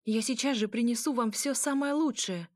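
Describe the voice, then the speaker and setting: A woman voicing a timid, frightened female shopkeeper who squeaks and pleads. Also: expressive, unhurried, a little mellow, dry recording, studio quality.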